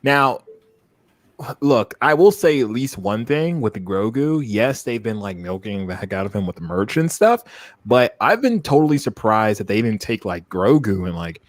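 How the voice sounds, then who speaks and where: A man's voice: lowish voice, very animated, normal speed, dry recording, clean studio sound. A man hosting a live fan podcast in casual chat, laughing often and reading viewer super chats aloud. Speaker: podcast host.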